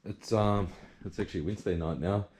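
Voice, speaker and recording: Man, broad Kiwi accent, low voice, laid-back slangy vlog talk, some background noise. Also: fairly even intonation, fairly quick, darkish tone. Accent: New Zealand. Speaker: vlogger and drift car driver. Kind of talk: casual video diary.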